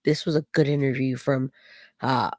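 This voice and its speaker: Her rumbling low voice stays fairly even and moves at a moderate pace as this true-crime streamer comments to her live chat on a clip. She questions it skeptically, leaning on rhetorical questions, while allergies and dust make her sound a little off. There is no echo; the sound is close and dry.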